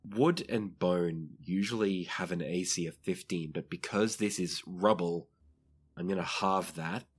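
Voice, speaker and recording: A low, unhurried, slightly rough voice belongs to a game master running a tabletop role-playing game, conversationally narrating scenes and calling for rolls.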